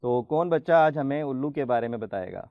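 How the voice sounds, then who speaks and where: A male host of a children's show talks at a middling pitch in a patient, teacherly way. He draws the letters out slowly and asks the kids questions one by one. The sound is close and dry, with no room behind him. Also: expressive, no room sound, phone-quality sound. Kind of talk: friendly studio hosting for children.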